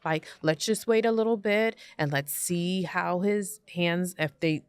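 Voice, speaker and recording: A woman co-hosting a podcast, calmly adding to a story in a casual chat. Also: lowish voice, unhurried, clear, resonant tone, no room sound. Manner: calm, chimes in with short agreements. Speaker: podcast co-host.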